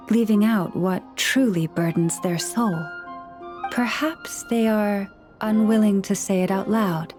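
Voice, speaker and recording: A woman plays the gentle young Moon Chanter of a video game, counseling people and animals with calm, earnest, measured care. The mood is thoughtful, her pitch medium, and the acting light.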